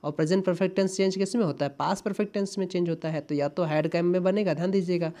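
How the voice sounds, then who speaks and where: A man's voice: sits high, steady tone, quick pace, dark tone. A man tutoring exam English, explaining step by step and repeating key words with frequent tag questions. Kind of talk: exam-prep lesson.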